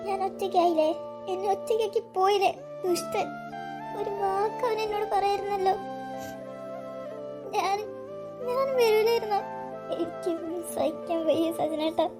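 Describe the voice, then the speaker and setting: A woman's voice: extremely high pitch, normal speed, pauses often, over music. A woman voicing a grief-stricken young woman in a cartoon drama, sobbing and pleading in a breaking voice. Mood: grieving.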